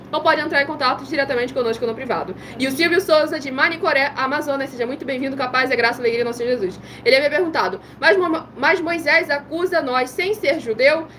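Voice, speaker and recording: Brief: a high-pitched woman who talks fast, reading comments and promotions on a live stream. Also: noisy background. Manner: affirming, reads comments and promotions.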